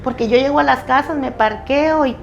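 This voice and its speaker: A woman preaching to a women's church group, loud, emphatic and plain-spoken, with candid, self-deprecating humor. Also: high-pitched, brisk, creaky, dull audio, slight background noise. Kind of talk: sermon.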